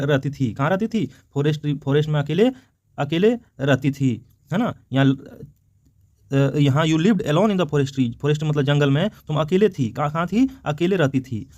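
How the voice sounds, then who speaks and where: A man with an Indian accent teaches a poem to schoolchildren, reading each line slowly and then going over it again and again. His voice sits a little high for a man. The sound is close and dry. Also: a little mellow, dry recording. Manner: reads lines slowly, then repeats and translates them with frequent "है ना".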